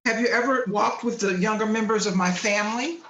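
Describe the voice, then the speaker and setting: A woman voicing a warm, stately female Christmas spirit who speaks in slow, solemn pronouncements over a video call. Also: medium pitch, echoey room, close to an everyday voice, low-quality recording.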